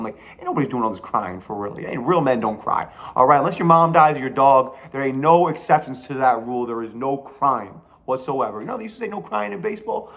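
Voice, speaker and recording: Young guy podcast host going off, swearing, pitch jumping all over the place. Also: a bit bright. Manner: blunt, profane, emphatic with slangy asides. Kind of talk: casual solo podcast rant.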